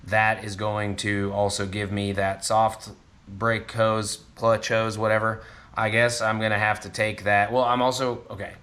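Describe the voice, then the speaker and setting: Pitched fairly low, his voice is level, a touch slow and a bit bright. In his home garage, working at and under a car, the channel host talks along as he wrenches, meandering and making self-deprecating jokes.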